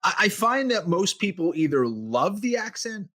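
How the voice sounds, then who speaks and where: A man co-hosting a sports podcast, talking in a loose, relaxed way with lots of "you know" fillers. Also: sits high, moderate pace, no echo, studio quality. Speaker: podcast co-host, fight analyst. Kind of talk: casual sports podcast chat.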